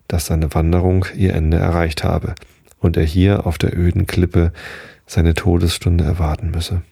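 A man reading a story aloud in steady, measured audiobook narration. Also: deep voice, vocal fry, slightly rough, no echo, clean studio sound.

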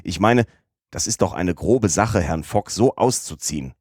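A man voicing an excitable, loyal French manservant who talks indignantly and exclaims often. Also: low-pitched, normal speed, breathy edge, no room sound, clean studio sound.

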